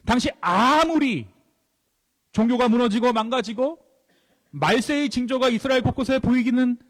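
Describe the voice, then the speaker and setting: A man preaching from the pulpit, his voice pitched high and moving animatedly up and down. He keeps asking the congregation questions and answering them himself, with phrase endings that sink quietly. The sermon carries a long reverb through the church hall. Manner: rhetorical questions answered himself, dropping to soft low endings. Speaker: pastor. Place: church sanctuary. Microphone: handheld or stand mic.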